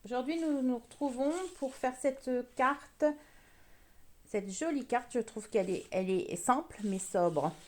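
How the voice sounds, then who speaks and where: A woman with an English accent leads a card-making lesson at her craft table. Her voice sits fairly high, and she takes her time, chatting and pausing as she works with her hands. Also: expressive. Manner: chatty, slow, talks while working with hands. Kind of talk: crafting tutorial.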